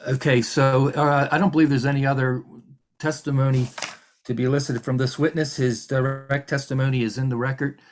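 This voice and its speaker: A man's voice: mid-range voice, little pitch movement, a little fast, slight background noise. A man working as a hearing examiner, running formal proceedings over a video call in a polite, methodical way with frequent fillers and restarts.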